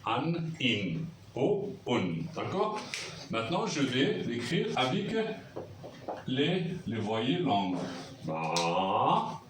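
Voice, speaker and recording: A man's voice: mid-range voice, sing-song, takes it slowly. A man teaching a language lesson at a board, patiently repeating sounds and checking that everyone follows. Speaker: Arabic teacher. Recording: roomy echo, mic far off, faint noise.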